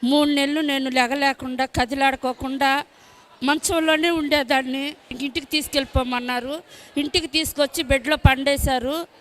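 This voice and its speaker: High-pitched woman from chennai telling her testimony, plain and a bit halting. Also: steady tone, slight background noise. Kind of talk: personal testimony.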